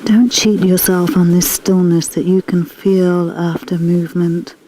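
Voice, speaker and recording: A woman's voice: lowish voice, flat delivery, measured pace, dark tone, slight background noise, poor audio. A woman leading a guided kundalini yoga class as the instructor, encouraging and informal, with chatty asides between directions.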